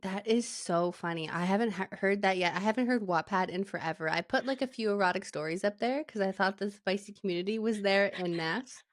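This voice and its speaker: A woman's voice: medium pitch, a little fast, few pauses, no echo, clean studio sound. A young woman from Alberta hosting a casual book podcast, bubbly and chatty, laughing often and leaning on filler words. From Canada, Alberta. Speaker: podcast host.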